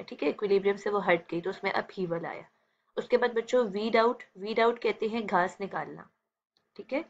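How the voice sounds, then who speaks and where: A woman's voice: medium pitch, muffled recording. A woman teacher with a Pakistani Urdu accent explaining an English textbook exercise, patiently checking in and sounding words out syllable by syllable. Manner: patient, explains slowly with many "theek hai" checks.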